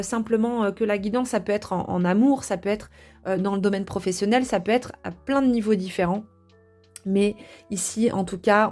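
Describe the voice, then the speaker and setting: A woman giving a tarot reading, speaking gently and chatting to her viewers with many hesitations. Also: medium pitch. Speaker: tarot reader.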